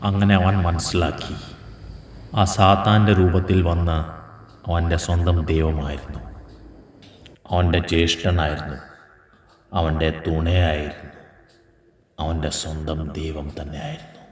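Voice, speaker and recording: Solemn deep-voiced Malayali man narrating. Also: flat delivery, unhurried, pauses often, a little mellow, a little hiss or hum. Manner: solemn, grave. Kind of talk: dramatic narration. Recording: long hall reverb, echoey.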